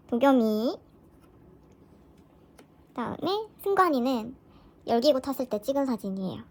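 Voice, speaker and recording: A woman chatting casually through an unboxing vlog, gushing with excitement as a fan. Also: on the high side. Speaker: vlogger.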